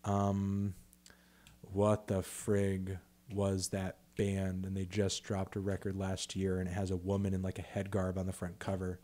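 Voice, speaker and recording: A man's voice: deep voice, monotone, measured pace, mellow. Profane, rambling man hosting a livestream Q&A. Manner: loose, profane, rambling with fillers and restarts. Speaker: music critic host answering viewer questions. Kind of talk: casual livestream Q&A.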